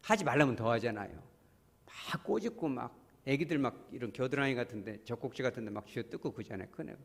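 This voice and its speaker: Gravelly-voiced male pastor preaching in a hall. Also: medium pitch, lively intonation, fast talker. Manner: conversational preaching, asks the congregation questions, acts out quoted voices. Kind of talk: sermon. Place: church.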